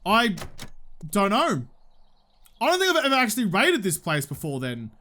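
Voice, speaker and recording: A man's voice: sits high, wildly swooping pitch, moderate pace, sharp tone. An Australian man giving casual gameplay commentary, talking in a slangy, joking, cheerfully sweary way. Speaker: gaming video host.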